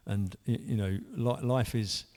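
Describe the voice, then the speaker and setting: The speaker, a man in his 50s, has a fairly low, a little mellow voice with fairly even intonation, and he talks a little slowly. As a church member giving personal testimony, he earnestly narrates his own story, rambling and restarting often.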